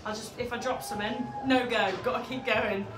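A woman keyboard player chatting casually backstage, bubbly and quick to laugh. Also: a little high, echoey room, noisy background. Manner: bubbly, laughs often, animated. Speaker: touring musician, keyboard player.

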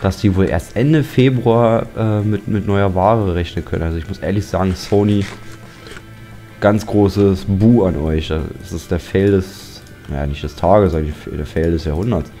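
Playing a building game with music behind him, a Let's Play commentator jokes around, keeps up a chatty stream, and complains about monsters as he goes. He speaks at normal speed in a deep voice with a dark tone.

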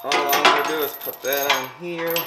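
A vlogger in his thirties walks viewers through trailer assembly step by step in his home garage workshop, keeping the tone casual. His voice is fairly high and steady at a moderate pace, and the garage recording is noisy.

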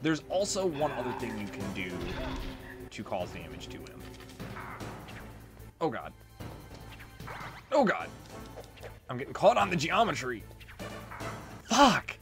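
Over video game music, a man with a mid-range voice hosts a let's play, his pitch swinging hugely as he talks slowly and pauses often. His commentary is casual and profane, turning exasperated when he struggles.

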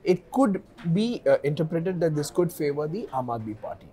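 A man in his thirties appears as an analyst in a news studio, speaking on a lapel mic at a measured pace with lots of fillers. His voice is on the high side and sing-song, with a dark tone.

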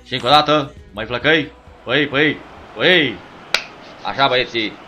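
A man commentating his own football video game match, yelling at his players and teasing them, hoarse from shouting. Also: medium pitch, over music, low-quality recording. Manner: yells at his players, rhymes and teases. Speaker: gameplay commentator.

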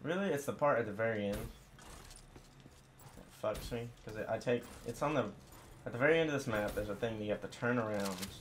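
A young man cursing his way through gameplay commentary, frustrated and bursting into loud yells. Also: fairly low pitch, a little fast, long pauses, a little hiss or hum. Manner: swearing, frustrated, bursts into yelling. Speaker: gamer.

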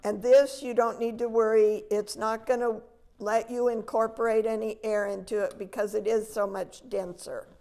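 A woman's voice: fairly high pitch, flat delivery, normal speed, mellow. An older woman giving a patient, step-by-step cooking demonstration in a large demo kitchen, filmed from a distance. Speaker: extension educator.

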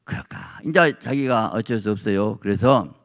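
A man pastor giving a sermon in a church, telling a story with animated voices. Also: mid-range voice, normal speed, creaky. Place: church sanctuary.

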